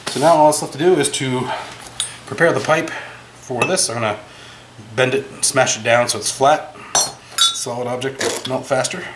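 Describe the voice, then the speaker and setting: With a mid-range voice at a moderate pace and long pauses, a sniffling American metal scrapping YouTuber talks casually through his work at an indoor workshop bench. He thinks aloud and is self-deprecating, and the recording is very noisy.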